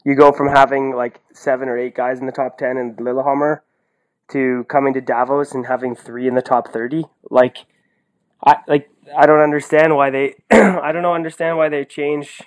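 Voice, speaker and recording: A podcast commentator gives blunt, opinionated sports takes, sounding incredulous and packing his talk with rhetorical questions and "like." His mid-range voice holds a moderate pace with little pitch movement.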